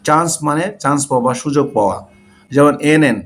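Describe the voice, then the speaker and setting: A man teaching a language lesson, spelling out letters slowly and deliberately, one at a time. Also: a little high, faint music behind. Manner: slow, deliberate letter-by-letter dictation. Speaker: English teacher.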